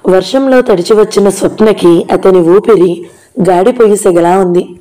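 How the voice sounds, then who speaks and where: A woman narrating a novel aloud in a steady, expressive storytelling manner. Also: mid-range voice, normal speed, poor audio. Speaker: audiobook narrator.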